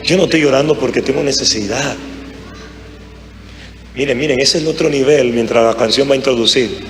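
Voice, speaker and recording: A man with a mid-range voice, speaking a little fast, preaches a live sermon to a congregation in an impassioned, conversational way, with music playing behind him.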